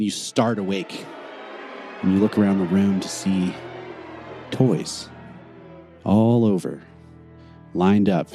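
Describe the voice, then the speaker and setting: A man narrating a tabletop game as game master, a deliberate storyteller. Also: deep voice, mellow.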